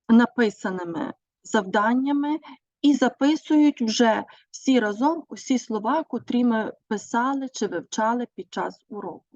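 A woman teacher giving a measured presentation on her teaching methods, pausing often with hesitations. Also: on the high side, a little mellow, no echo. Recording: dull, dry recording.

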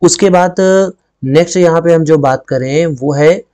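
A man with a fairly high, mellow voice and a measured pace teaches a Hindi spelling lesson. He goes step by step, says each word twice, and often adds "ठीक है".

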